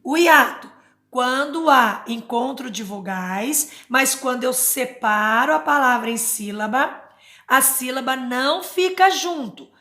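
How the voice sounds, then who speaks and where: A woman teacher giving a slow, patient grammar lesson to children, sounding out words syllable by syllable and checking in with short questions. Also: high-pitched, animated, bright, forceful tone, echoey room. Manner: checks understanding with tag questions.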